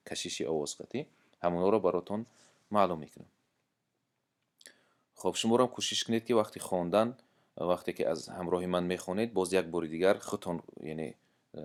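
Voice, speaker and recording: A man with a Tajik accent teaches at a patient, unhurried pace, pausing on fillers as he explains. His low voice is smooth and clear, and he stretches the recited passages into long, melodic lines. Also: darkish tone. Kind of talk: explaining a lesson with chanted recitation.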